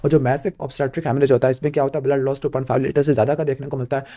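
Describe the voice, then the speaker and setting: A man from Pakistan giving an exam revision lecture, asking himself questions and ticking off points with "clear" as he rattles through lists. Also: mid-range voice, flat delivery, rapid-fire, warm tone. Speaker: medical exam tutor.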